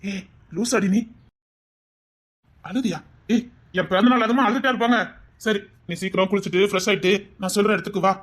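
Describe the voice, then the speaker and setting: A man's voice: high voice, fast, fairly bright tone. A young man with a Tirunelveli Tamil accent playing a manipulative, greedy boyfriend who sweet-talks insistently on the phone. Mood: sweet-talking. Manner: coaxing, insistent, keeps asking 'understand?'. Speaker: scheming boyfriend on a phone call. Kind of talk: web drama acting.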